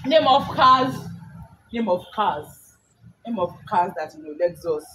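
An excitable young adult with a Nigerian accent leads a rowdy party word game, chanting repeated prompts and sometimes shouting. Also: mid-range voice, unhurried. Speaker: game leader calling out category prompts. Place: outdoor yard against a painted wall. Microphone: far camera. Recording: noisy, echoey, distant camera sound.

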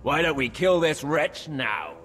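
A man's voice: on the high side, lively intonation, a little slow, fairly bright tone, a little hiss or hum. An actor playing an arrogant, bloodthirsty young male Sith apprentice in a video game. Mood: eager. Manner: eager, cruel. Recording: reverberant game audio.

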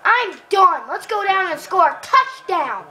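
A woman giving excitable live commentary while playing a football video game, cheering and groaning at the plays and chatting to viewers. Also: extremely high pitch, measured pace, rough recording.

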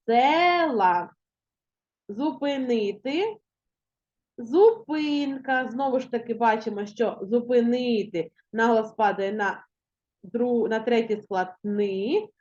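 Woman teacher, fairly high voice, slow careful dictation, muffled lo-fi sound. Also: darkish tone. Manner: slow, deliberate dictation, stressing syllables. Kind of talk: classroom language lesson. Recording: muffled lo-fi recording.

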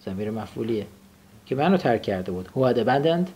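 A man's voice: mid-range voice, sing-song, warm tone, slight background noise. A young adult man teaching a classroom vocabulary lesson, explaining grammar and having students repeat phrases after him. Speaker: English teacher.

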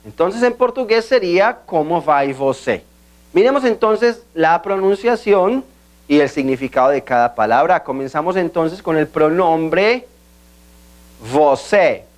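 A man teaching a recorded language lesson, slowly and deliberately modelling pronunciation and checking in with the learners. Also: sits high, lively intonation. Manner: slow, deliberate pronunciation drills with frequent "¿cierto?" check-ins.

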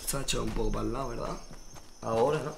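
A young man from Spain with a Spanish accent, excitedly commenting on his own gameplay and talking straight to his viewers, now and then breaking into shouts. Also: medium pitch, very fast, vocal fry, crowd noise. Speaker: gaming youtuber.

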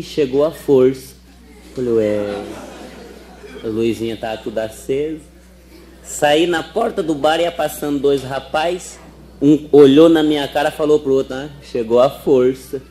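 At a live stage show, a comedian tells folksy jokes in colloquial speech. His voice is fairly high-pitched and mellow, suited to stand-up joke telling.

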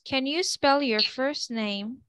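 Stilted, high-pitched female examiner. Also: takes it slowly, a bit bright, smooth, no echo. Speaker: speaking test examiner. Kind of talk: scripted exam questioning.

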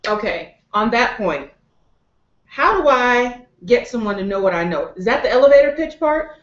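A woman's voice: fairly high pitch, sing-song, moderate pace, a bit bright. Woman interviewer asking follow-up questions. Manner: engaged, asks questions and sums up answers. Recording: roomy, dull lo-fi sound.

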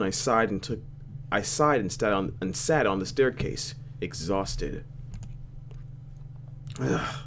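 A fairly low, slightly bright male voice narrates a visual novel aloud as a let's play host, keeping things casual with slangy, mock-exasperated commentary. There's a little hiss or hum in the recording.

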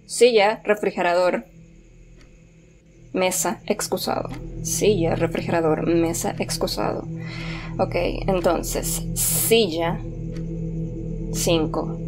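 Slow-talking jumpy woman streamer. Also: fairly low pitch, music in the background. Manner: nervous, jokey, talks to viewers, sudden shrieks. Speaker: gameplay streamer. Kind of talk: horror game commentary.

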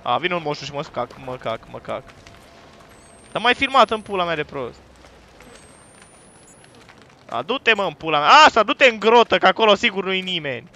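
A man giving loud, profane let's play commentary on a horror game, talking to his viewers and yelping at scares. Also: on the high side, big pitch swings, dull audio. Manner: jumpy, profane, loud outbursts; talks to viewers while playing. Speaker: gaming YouTuber.

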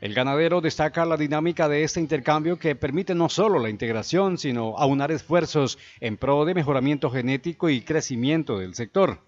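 A man's voice: a little high, fairly quick, few pauses. Guy reading a tv news report, scripted, kinda muffled lo-fi sound.

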